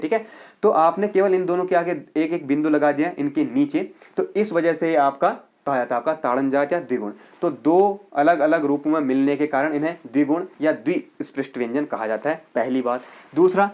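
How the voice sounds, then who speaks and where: A male teacher with a fairly high voice gives a grammar lesson for exam students. He explains point by point and keeps checking in with his class. He repeats words slowly to demonstrate their pronunciation. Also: darkish tone. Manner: explains step by step, repeating "ठीक है" to check understanding.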